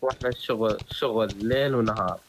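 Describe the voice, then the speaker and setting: A man's voice: on the low side, steady tone, quick pace, a little hiss or hum. A man with a Levantine Arabic accent chatting casually with a teammate during an online game. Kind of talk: casual chat while gaming. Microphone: headset.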